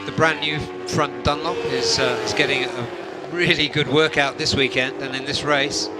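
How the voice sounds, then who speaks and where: Male motorsport commentator, medium pitch, conversational bike-race analysis, roaring vehicle noise behind. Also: steady tone, normal speed. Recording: loud engine and vehicle noise. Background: race engines and trackside ambience.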